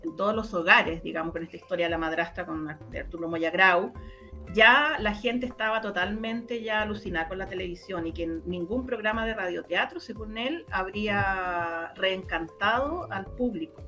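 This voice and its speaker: A sharp-toned woman of medium pitch talks at a normal speed, faint music behind her. Guesting in a casual interview, this radio drama producer with a Chilean Spanish accent recounts her memories, repeating words for emphasis.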